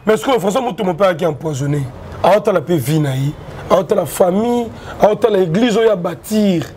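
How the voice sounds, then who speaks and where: Host asking pointed questions, kinda high voice, bit of noise behind. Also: male voice, animated, fairly quick, darkish tone. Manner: probing questions, addresses guest as papa. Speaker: interviewer. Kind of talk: interview mixing French and Lingala.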